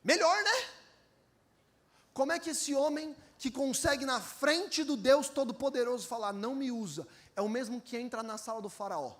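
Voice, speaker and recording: High-voiced Brazilian pastor preaching animatedly. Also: male voice, a little fast, few pauses. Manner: animated, acts out voices in his stories, calls on the congregation to repeat. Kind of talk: energetic sermon with storytelling.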